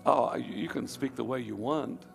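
With music in the background, a man from Northern Ireland preaches to a live congregation in a church hall, fervent and emphatic in his repetition. He speaks at a moderate pace with a creaky, medium-pitched voice.

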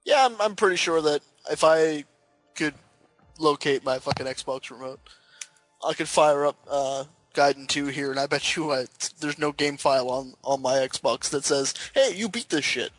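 A man's voice: on the high side, fairly even intonation, moderate pace, fairly bright tone, no echo. Man co-hosting casual gaming banter, music behind. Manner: heavy casual swearing. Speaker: gaming show co-host. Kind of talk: casual video game banter.

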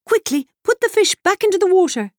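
Woman voicing a brisk wise talking mare. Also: extremely high pitch, expressive, no echo, studio quality, pitched above the performer's own voice. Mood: urgent.

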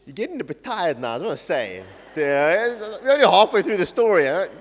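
A man's voice: high voice, brisk. A man leading an interactive children's story at a church service, coaxing the audience to join in with actions. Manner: animated, coaxing audience participation. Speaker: youth leader telling a story at a service. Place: large church. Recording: dull echoey church recording.

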